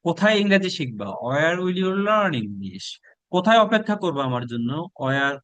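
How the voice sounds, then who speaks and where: Bangladeshi man, English teacher, drawn-out model sentences, fairly high voice, dry close mic. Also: very animated, a bit bright, dry recording. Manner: slow, drawn-out model sentences alternating with quick translations. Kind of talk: spoken English lesson.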